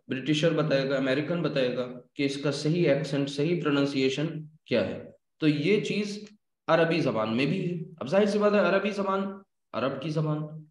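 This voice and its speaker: A man teaching an Arabic language class, explaining slowly and asking his students questions. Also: mid-range voice. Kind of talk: classroom lecture. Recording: echoey room.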